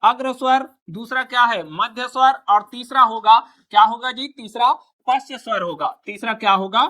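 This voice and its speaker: A man's voice: very high voice, normal speed, sharp tone. A male teacher giving a classroom grammar lesson, asking his students question after question and repeating each answer back to them.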